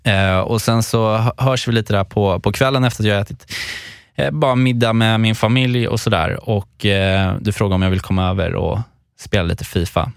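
A podcast co-host in his twenties has a gravelly, lowish voice with fairly even intonation and a clean tone, captured as a dry, clean studio recording. He tells a long anecdote on the casual show, rambling along and acting out the quoted lines.

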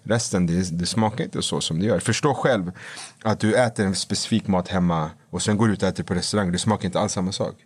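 A man guest in casual podcast chat, an animated storyteller who acts out quotes loudly. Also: low-pitched, breathy edge.

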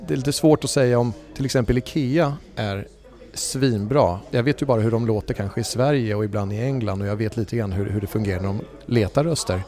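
A man who runs a voice agency, speaking in a relaxed interview. He thinks aloud as he goes, pausing on fillers and restarting phrases, at a mid pitch typical for a man. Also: faint music behind. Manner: thoughtful, hesitant with fillers and restarts. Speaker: voice agency CEO and voice-over speaker. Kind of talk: conversational interview.

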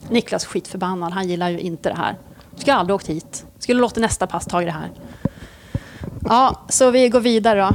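Police woman telling a wild story, lively, swears a lot, slight background hiss. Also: mid-range voice. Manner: lively, swears freely, acts out scenes. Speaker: police officer. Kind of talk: casual storytelling in conversation.

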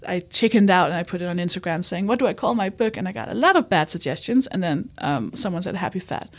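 A woman's voice: on the low side, quick pace. A woman comedian and author talking openly as an interview guest, often acting out quoted remarks in her own voice. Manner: candid, animated, quotes herself and others. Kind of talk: conversational interview.

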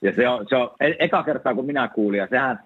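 A former hockey player chatting casually on a podcast, halting and full of restarts. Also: male voice, medium pitch, slightly rough. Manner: halting, many restarts and fillers. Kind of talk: casual chat. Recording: tinny phone-like line, dry.

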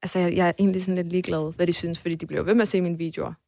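A woman's voice: fairly low pitch, fairly even intonation, gravelly, mellow, no room sound, clean studio sound. Blunt, laughing young woman guest. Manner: blunt, swears freely, laughs things off. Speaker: podcast guest. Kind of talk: casual podcast chat.

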